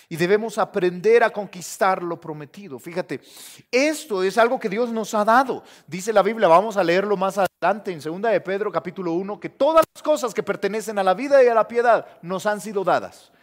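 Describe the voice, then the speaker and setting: A male pastor preaching a sermon in a conversational way, often speaking to the listener as "brother". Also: high voice.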